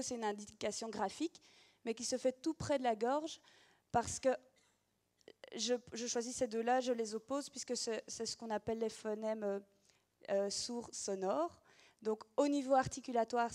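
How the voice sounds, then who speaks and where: A woman's voice: fairly high pitch, normal speed, a little mellow. Patient woman explaining phonetic gestures. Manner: patient, with frequent hesitations. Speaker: teacher demonstrating reading gestures. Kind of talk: explanatory demonstration.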